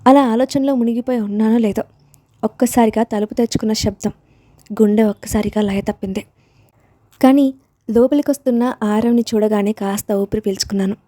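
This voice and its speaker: A woman's voice: a little high, fairly even intonation, a little fast, dark tone, no room sound, clean studio sound. A woman narrating a story in the first person, with an emotional storyteller's delivery.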